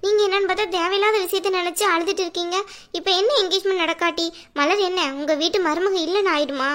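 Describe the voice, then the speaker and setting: A woman voicing a gentle young woman who soothes and pleads with her sick father-in-law. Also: very high voice, fairly even intonation, fast talker. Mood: pleading.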